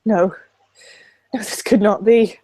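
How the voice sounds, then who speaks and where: A woman's voice: mid-range voice, steady tone, slow, warm tone, no echo. A woman reading visual novel narration aloud in a dramatic storytelling style. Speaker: narrator in a group read-along.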